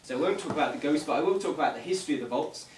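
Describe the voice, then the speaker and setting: Leading a ghost vigil, a tour guide gives his group a casual rundown, rattling it off rapid-fire in a fairly high voice with lively intonation. His tone is dryly funny and a bit mock-formal. He's recorded indoors in an echoey room on a far-off camera mic, with a faint hiss.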